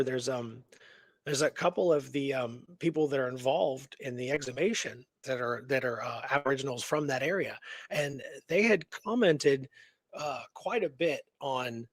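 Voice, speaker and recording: A radio show co-host with a mid-range voice tells a story in a casual, rambling way, frequently checking in with the listener. The talk is relaxed conversational storytelling and discussion, recorded without echo.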